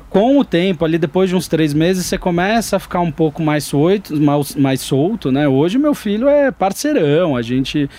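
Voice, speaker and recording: A man, a guest on a chat show, talking candidly in a relaxed, rambling way with slang. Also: a little high. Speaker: podcast guest, father. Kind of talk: casual chat.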